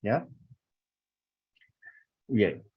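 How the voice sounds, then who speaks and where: A man lectures a class at a slow, unhurried pace, stopping often to ask if everyone follows. The sound is dull and lo-fi. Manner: slow, explanatory, checks with frequent questions. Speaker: teacher. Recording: dull lo-fi recording.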